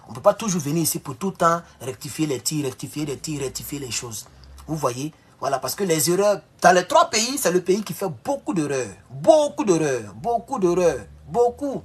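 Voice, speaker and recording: A man's voice: on the high side, very animated, a little fast, husky. A man hosting a live stream, talking bluntly and scolding commenters, repeating himself often. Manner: blunt, scolding, repetitive with many "voilà". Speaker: YouTube live host. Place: home in Mexico.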